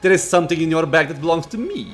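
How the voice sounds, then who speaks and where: An ancient undead lich lord played by a man, arrogant and imperious. The pitch swings widely as he makes formal, impatient pronouncements from a fantasy game, with music underneath. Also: animated, racing, lightly acted. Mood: lordly. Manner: imperious, archaic formal speech. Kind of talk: acted reading of fantasy game dialogue.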